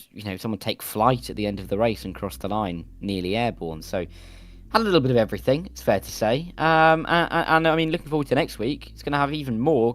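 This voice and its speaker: A man co-commentating a sim race, summing up the action with quick enthusiasm. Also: medium pitch.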